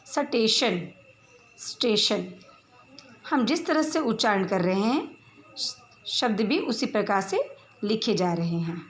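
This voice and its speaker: A woman teacher giving a school spelling lesson, reading word pairs aloud with careful, clear enunciation. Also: medium pitch, lively intonation, unhurried, a little hiss or hum. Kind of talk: slow, deliberate Hindi lesson. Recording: echoey room with faint background ambience.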